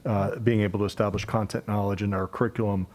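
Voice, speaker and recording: A man, a school administrator, presenting a course program to the board in a measured way with filler pauses. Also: on the low side, flat delivery, a little mellow. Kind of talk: formal presentation. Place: school board meeting room.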